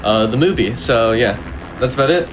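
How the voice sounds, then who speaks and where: Male speedrun commentator, mid-pitched, casual delivery, noticeable game noise behind him. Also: lively intonation, moderate pace, poor audio.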